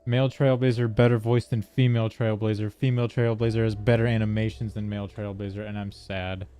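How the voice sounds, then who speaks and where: Low, mellow male game streamer. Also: little pitch movement, a little fast, smooth. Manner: rambling, joking asides. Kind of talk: casual gameplay commentary. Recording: faint game music behind.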